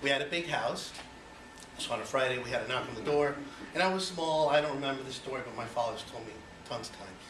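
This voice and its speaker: A man's voice: mid-range voice, fast. A Cuban-born man in his forties giving a personal speech to an audience, chatty and full of you-knows. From Cuba. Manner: conversational, many you-knows, rhetorical questions. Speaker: speaker giving an icebreaker speech. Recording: echoey room, voice from far off, noisy.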